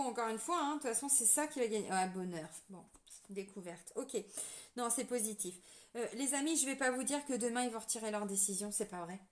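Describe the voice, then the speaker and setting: High-voiced chatty woman card reader. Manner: chatty, earnest, many fillers and tag words. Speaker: tarot card reader and energy healer. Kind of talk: casual monologue to viewers.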